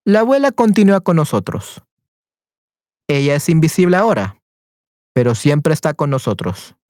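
A man voicing a grieving mother gently consoling her son, in a storybook reading. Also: a little high, very animated, normal speed, no echo, clean studio sound.

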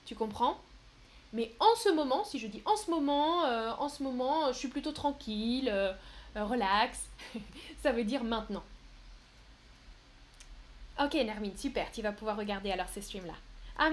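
A high-pitched woman hosts a live French lesson, reading chat questions and explaining grammar slowly with plenty of examples. She pauses often with little fillers and keeps a friendly, easygoing teaching manner. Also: a bit bright. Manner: patient, explains slowly with examples and frequent "euh"; playful, laughs at her own mistakes. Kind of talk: live-stream language lesson.

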